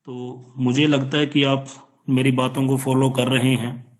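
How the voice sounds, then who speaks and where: Slow, patient male teacher. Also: mid-range voice, flat delivery. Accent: Indian. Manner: slow, patient explaining with repeated examples. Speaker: college teacher. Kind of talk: online class lecture. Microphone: online class, computer or phone mic.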